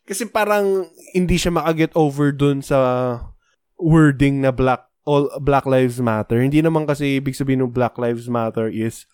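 A man's voice: medium pitch, normal speed, a little mellow, smooth, dry recording, studio quality. A man with a Filipino accent co-hosting a casual podcast, explaining at length and mixing Tagalog and English. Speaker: podcast co-host.

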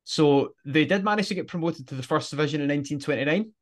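A podcast co-host with a voice on the high side talks fast on a casual show. He explains things at length, rambling and frequently restarting his sentences.

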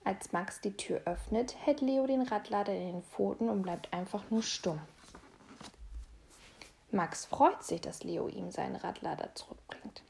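A woman reading a children's storybook aloud, in a lively, expressive way. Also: mid-range voice, measured pace, creaky, a little hiss or hum. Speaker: storybook reader.

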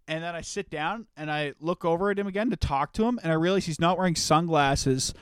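Young man, podcast co-host, fairly high voice, dry close sound, casual profane storytelling. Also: fairly quick, clear, resonant tone, dry recording. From Canada. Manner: loose, profane storytelling with frequent laughter. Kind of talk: casual chat.

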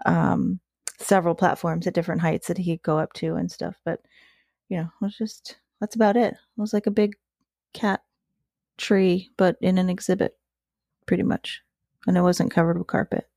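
A woman from Florida, a former zookeeper, chatting casually and bluntly with lots of swearing, halting restarts and frequent laughter. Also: lowish voice, steady tone, vocal fry, a little mellow, dry recording, clean studio sound. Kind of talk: casual chat.

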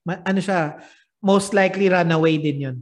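A man's voice: sits high, moderate pace. Chatty Filipino man, casual podcast. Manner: chatty, laughs often, mixes English into Filipino. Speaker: podcast host. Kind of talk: casual chat.

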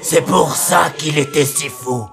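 A man's voice: fairly high pitch, measured pace, gravelly, over music. A man voicing a small, confused skeleton in an audio drama, with an earnest, anxious manner. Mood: realizing.

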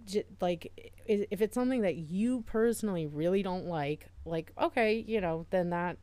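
Woman, deep voice, casual podcast chat, earnest, rambling with fillers. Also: normal speed, warm tone, no room sound. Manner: chatty, heavy use of "like", earnest and reassuring. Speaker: podcast co-host.

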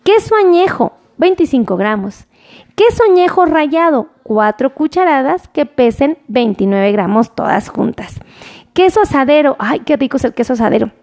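A woman's voice: high voice, big pitch swings, normal speed, darkish tone. A woman hosts a live stream, reading out food portions, greeting viewers by name and urging them to share. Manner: reads portions off a list, greets commenters, urges sharing. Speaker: nutrition livestream host.

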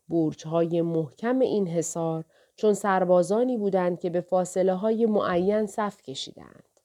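A woman narrating an audiobook of a historical novel in a steady, measured reading. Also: fairly low pitch.

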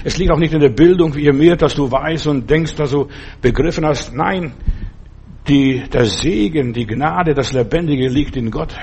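A man's voice: fairly high pitch, moderate pace, a little mellow, a little hiss or hum. A man preaching a sermon with emphatic delivery, repeating phrases and restarting sentences as he goes.

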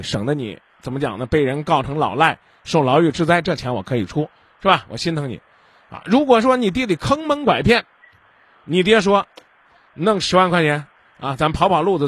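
A man's voice: a little high, a bit bright, husky, dry recording. A man hosting a radio call-in advice show, lecturing the caller and acting out little dialogues. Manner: keeps asking if the caller understands. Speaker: radio hotline host.

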